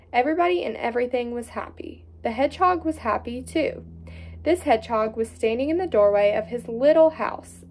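Reading a fairy tale aloud, a woman with a voice on the high side tells the story expressively, making small slips along the way.

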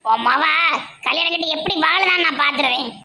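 Cartoon village auntie voiced by a woman, Tirunelveli Tamil, gravelly and shrill. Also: fairly quick, bright, forceful tone, slight background noise, exaggerated voice. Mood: scolding. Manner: scolding, dramatic dialect delivery. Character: gossipy village woman, quick to quarrel.

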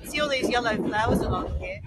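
A woman's voice: a little high, lively intonation, a little fast, heavy background noise. A woman hosting a travel vlog, chatting eagerly and pointing things out as she walks through a train carriage. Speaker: travel vlogger host. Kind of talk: casual walking tour narration. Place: aboard a moving steam train carriage.

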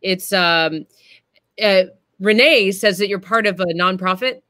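Bright, effusive woman hosting an online event. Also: medium pitch, unhurried, no echo, studio quality. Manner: warm-hearted, effusive, repeats words. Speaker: event host. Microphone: webcam video call.

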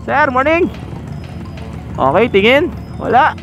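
A chatty man talks riders through road rules from his moving motorbike, his voice sitting fairly high. He points things out as he rides, recorded outdoors on a helmet-mounted camera. Music plays clearly underneath. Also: big pitch swings, takes it slowly, fairly bright tone. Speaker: motovlogger. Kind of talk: casual commentary while riding. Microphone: helmet-mounted action camera.

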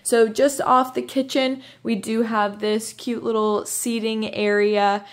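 A woman real estate agent films a cheerful, chatty walking tour of a house on her own phone, narrating as she moves inside and around it. Her voice is fairly high, with little rise and fall, and she takes her time.

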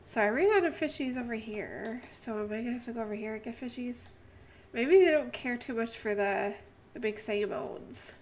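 This is a young woman commenting on her gameplay into a desk mic. Her voice sits a little high and she swings from loud, startled exclamations to quiet muttering as she plays. A faint hiss of room ambience runs underneath. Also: normal speed. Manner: excitable, exclaiming and talking to the animals; drops to a hushed voice while sneaking. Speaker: gaming channel host.

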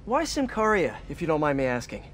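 A man's voice: a little high, huge pitch swings, brisk, fairly bright tone, slight background noise. An actor playing a friendly, earnest young male superhero in a video game, casual and quippy. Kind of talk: video game dialogue and musing to himself.

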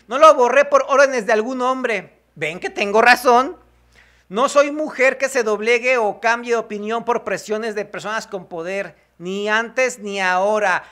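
A Mexican man with a strikingly high, bright voice. He talks in a casual, irreverent way about politics. He reads posts out slowly and breaks off with mocking, crude jokes. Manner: reads posts aloud slowly with sarcastic asides. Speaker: political commentary YouTuber.

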